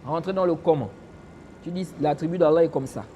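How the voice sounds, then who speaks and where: Man, religious teacher, high-pitched voice, rhetorical questions, recites Arabic phrases, faint traffic noise behind. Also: fairly quick, warm tone. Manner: asks the listeners rhetorical questions and answers them; recites Arabic phrases between French explanations. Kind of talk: explaining a classical text in a lesson.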